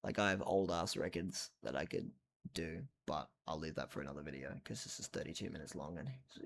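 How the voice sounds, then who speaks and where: A man's voice: low voice, vocal fry. A tired man rambling casually about an album late at night at home, swearing now and then and trailing off into mumbles. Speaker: vlogger reviewing a record.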